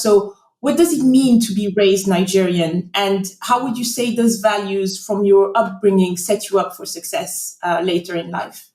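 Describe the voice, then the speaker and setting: A woman hosting a podcast, reading a measured scripted intro and asking interview questions in a welcoming way. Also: medium pitch, dark tone. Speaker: podcast host. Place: London.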